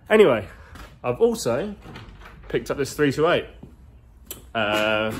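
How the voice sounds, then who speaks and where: With a phone held at arm's length, a man in his twenties vlogs about cars as he walks through a big indoor garage workshop, talking casually. His medium-pitched voice is a little mellow, his manner chatty, meandering, and slangy, and there's a little hiss or hum.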